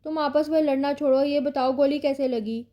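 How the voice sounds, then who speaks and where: A woman's voice: sits high, steady tone, dull audio, close to an everyday voice. A woman voicing an elderly grandmother who speaks in a commanding, protective manner. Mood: angry.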